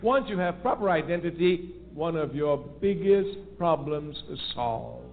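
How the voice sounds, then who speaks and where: Calling into a radio show over a tinny, faintly hissing phone line, this man talks politics with passion. His voice sits on the high side, very animated yet unhurried, and he repeats his main points emphatically for force.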